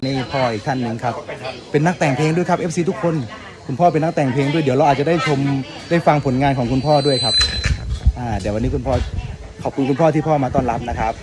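A man's voice: mid-range voice, fast talker. A man hosting for fans, speaking casually and deferentially, repeating his effusive thanks and introducing people. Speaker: performer hosting a vlog for fans. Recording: busy crowd noise behind.

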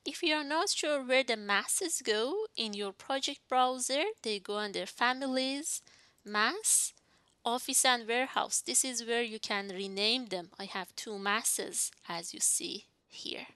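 A young woman walks through a software lesson at a deliberate, unhurried pace. Her voice is bright and a little sharp, recorded dry and close at her desk. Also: fairly high pitch, clean tone, no echo. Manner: slow, step-by-step, talking through each click. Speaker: instructor. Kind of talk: software tutorial narration.

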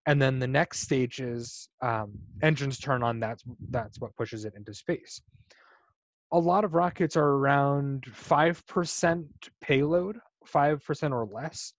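A man giving a casual slide lecture about rockets on a video call, relaxed and explanatory, with frequent ums and restarts. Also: medium pitch, a little slow, no room sound. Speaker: guest speaker presenting on spacecraft engineering. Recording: dull, dry video call audio.

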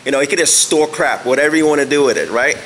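A man's voice: fairly high pitch, fast, fairly bright tone, a little hiss or hum, low-quality recording. A man giving a casual walking house tour on a handheld phone camera, rambling and searching for words with many fillers. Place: empty house, indoors and on balconies.

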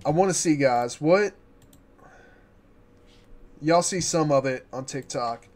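A man's voice: a little high, slow, darkish tone. Hyped man streaming a baseball game. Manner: hyped, cheering viewers on. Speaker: gaming streamer. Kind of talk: live gameplay commentary.

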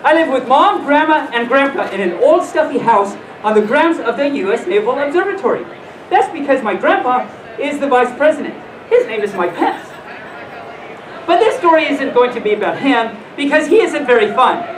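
At normal speed, a high-pitched, expressive storytime host in a full mascot costume reads to a live audience, keeping it playful with casual asides. It takes place in a hotel function room at a convention. A distant camera mic makes the audio roomy, far away and noisy.

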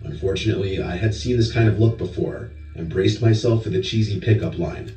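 Man, scripted horror narration, low voice, calm and even, roomy and distant, loud music behind. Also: brisk. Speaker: narrator of a horror story video. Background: background music from the played video.

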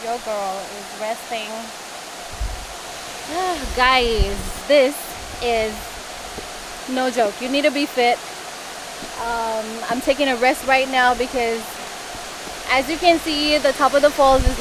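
A travel vlogger with a high voice talks casually to a handheld camera held at arm's length as she climbs a forest stairway near a waterfall. Out of breath from the stairs, she chats breathlessly and sighs between lines. The outdoor camera audio carries the rushing noise of the waterfall.

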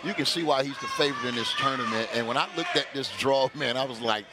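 A man's voice: medium pitch, fast talker, heavy background noise. A man giving conversational live analysis as a boxing commentator.

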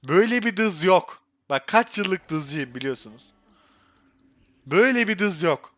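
A young Turkish man streaming himself playing a game, his voice sitting a little higher than most men's. He mutters along as he plays, then flares up in frustration before talking himself back down. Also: unhurried. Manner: excitable, swings between frustrated outbursts and muttering. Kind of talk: live gameplay commentary.

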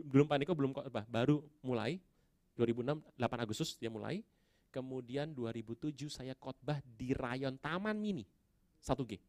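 A man preaching in a storytelling manner, voice sitting in an ordinary middle pitch. He chats with the congregation, chuckles, and acts out scenes with sudden loud outbursts. The sound is close and dry, with no room echo. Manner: animated, acts out his own prayers and dialogue with sudden loud outbursts; conversational, chuckles while telling stories. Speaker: pastor. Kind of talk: storytelling sermon.

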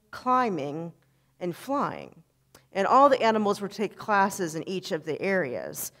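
A middle-aged woman pastor preaching from a church pulpit and telling an animated story with repeated words. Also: mid-range voice. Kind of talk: sermon storytelling. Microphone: pulpit microphone, far camera.

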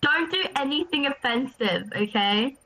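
An Australian woman chatting with friends while playing a game, quick to react. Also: sits high, animated, sharp tone, poor audio. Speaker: player. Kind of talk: casual gaming chat.

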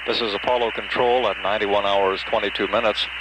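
American man, low monotone, halting official spaceflight commentary, heavy 1960s radio noise. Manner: halting, measured official delivery. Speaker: mission control public affairs announcer. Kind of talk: spaceflight status report commentary.

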